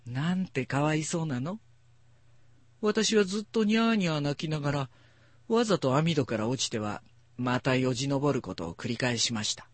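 Male storybook reader, expressive, dry and close. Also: mid-range voice, fairly quick, no room sound. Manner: warm, expressive reading. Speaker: host of a book reading program. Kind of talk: storybook reading.

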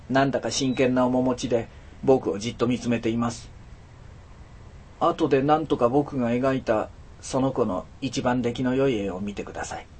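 A man narrating a storybook in an expressive, dramatic storytelling manner with a husky voice. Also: mid-range voice, slight background noise. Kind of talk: storybook reading.

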